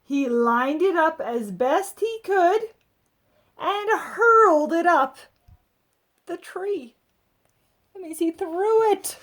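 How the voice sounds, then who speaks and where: A very high-pitched woman takes her time reading a picture book to children, pausing often. Her delivery is dramatically expressive, peppered with conversational comments to the kids.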